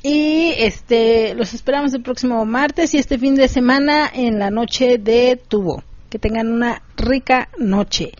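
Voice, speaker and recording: A woman's voice: fairly high pitch, unhurried, hardly any pauses, a little mellow, no room sound, muffled recording. Giggly woman radio host. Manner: giggly, reads listener messages aloud. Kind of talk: casual late-night radio chat.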